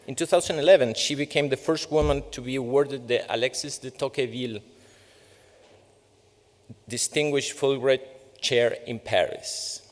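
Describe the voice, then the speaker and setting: A man's voice: mid-range voice, fairly even intonation, moderate pace. A man hosting an event, giving a formal speech at a podium to introduce a speaker. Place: large courtroom. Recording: echoey hall with long reverb.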